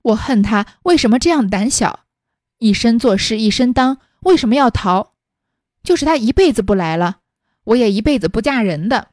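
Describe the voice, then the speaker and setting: A woman's voice: a little high, expressive, moderate pace, a little mellow, dry recording, clean studio sound, close to an everyday voice. A woman voicing a defiant young maid who speaks with passion and fierce resolve. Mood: impassioned. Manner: impassioned, resolute.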